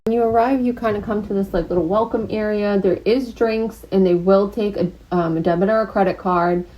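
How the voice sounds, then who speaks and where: A woman's voice: mid-range voice, fairly even intonation, brisk, lo-fi sound. A woman travel vlogger narrating casually in a friendly, rambling way with filler words.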